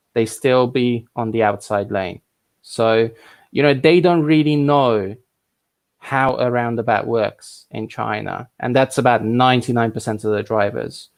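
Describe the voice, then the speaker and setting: A man born in Hungary and raised in England, hosting a casual live stream and chatting in a rambling way with lots of restarts and asides. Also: mid-range voice. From Hungary, raised in England from thirteen. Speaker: livestream host answering viewer questions.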